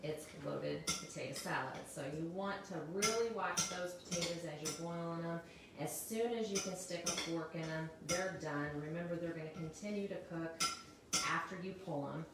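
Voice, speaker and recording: A woman's voice: lowish voice, moderate pace. A woman from Missouri co-hosting a casual cooking demonstration, chatty, explaining steps and laughing often. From Missouri, United States. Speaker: cooking show co-host. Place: home kitchen. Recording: echoey kitchen, mic far off, loud kitchen noise.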